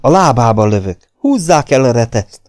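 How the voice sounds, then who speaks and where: Man playing a cool bearded gentleman with a gun, brusque and unafraid, storybook. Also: medium pitch, very animated, dry recording, studio quality, pitched above the performer's own voice, lightly acted. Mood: cool defiant.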